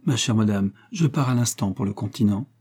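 A man's voice: medium pitch, animated, normal speed, dark tone, lightly acted. A man reading an audiobook voicing an effusive, evasive aristocratic lord who chatters jovially and talks over others. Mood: breezy jovial.

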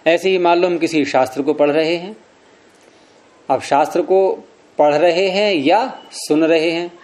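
This classroom lecture on Sanskrit philosophy comes from a man whose voice is on the high side and darkish, at a measured pace. He recites sutras, repeats key words, and often puts questions to his students.

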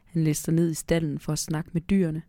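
A woman hosting a children's Christmas podcast. She reads the story aloud in a lively way and often drops to a hushed whisper. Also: sits low, dry recording, clean studio sound.

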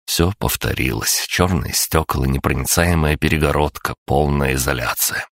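A man narrating an audiobook in a measured, even first-person telling. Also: extremely low pitch, no echo, studio quality.

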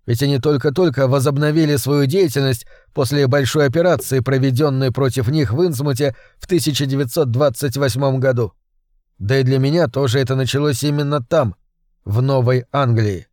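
A man's voice: mid-range voice, brisk, a little mellow, dry recording, clean studio sound. Tense male horror audiobook narrator. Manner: tense, dramatic storytelling. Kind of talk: scripted first-person horror narration.

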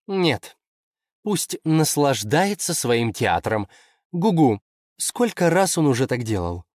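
A man's voice: mid-range voice, sing-song, takes it slowly, a little mellow, no echo, studio quality, voice pushed up. A man voicing a sly, imperious female fox spirit who speaks mockingly in a storybook reading. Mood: amused. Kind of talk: audiobook character voice.

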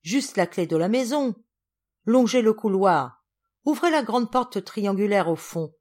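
A woman voicing a haughty alien lady official who speaks in a shrill, commanding way, for an audiobook. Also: animated, a little slow, darkish tone. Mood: bossy.

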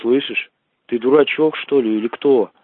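A man's voice: mid-range voice, normal speed, breathy edge, no room sound. Blunt man over a tinny landline phone. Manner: blunt, insistent, keeps repeating himself. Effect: heard over a landline phone. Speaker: call recipient. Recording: tinny, dry phone line.

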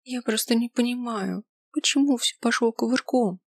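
A woman's voice: moderate pace, no echo, clean studio sound. A woman doing a tearful, bitter young woman. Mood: distraught, angry. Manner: strained, tearful and high.

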